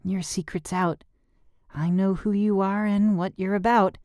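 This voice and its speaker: An audiobook narrator voicing a lively, blunt teenage girl who exclaims and teases. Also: mid-range voice, unhurried, dry recording, studio quality, voice pushed up, close to an everyday voice. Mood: earnest. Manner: bubbly, exclaiming.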